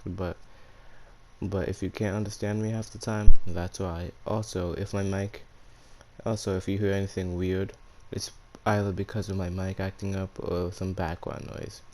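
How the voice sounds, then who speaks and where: A man's voice: low voice, level tone, normal speed, dark tone, slight background noise. A man with a speech impediment that turns his R's into W's, hosting and narrating fan fiction in a casual, slangy way. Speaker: YouTube storyteller and channel host.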